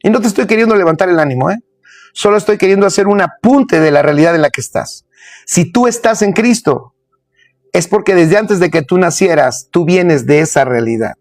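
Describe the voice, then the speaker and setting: A man's voice: sits high, expressive, brisk, a little mellow, no echo, studio quality. A man preaching a sermon, emphatic and repetitive, speaking straight to his listeners.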